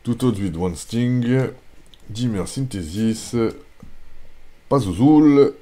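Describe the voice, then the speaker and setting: A French man with a lower-pitched voice, a YouTuber, hosts a casual video opening card packs. He lists card names in a plain, steady way, then bursts into quick, excited exclamations when rare cards turn up.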